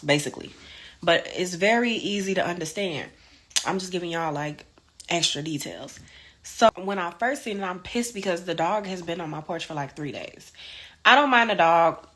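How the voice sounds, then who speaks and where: A woman's voice: fairly low pitch, a bit bright. A woman vlogger, chatting casually and ranting heatedly with cursing. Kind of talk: casual chat.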